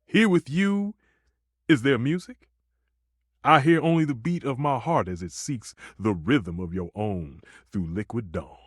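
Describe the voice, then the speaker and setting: A male actor playing a passionate, dramatic, flirtatious living stove who works as a chef, with a theatrical, expressive delivery in a dating video game. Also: medium pitch, measured pace, husky, dry recording, studio quality. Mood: smouldering, romantic. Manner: theatrical, expressive, swinging between exclaiming and murmuring. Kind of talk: voiced dating video game character lines.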